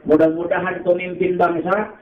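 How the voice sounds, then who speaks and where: A man with a Sundanese accent preaching a humorous sermon, jokey and swinging from low asides to high exclaimed phrases. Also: little pitch movement, moderate pace. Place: outdoor gathering by a slope. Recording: roomy, distant, dull PA sound with crowd.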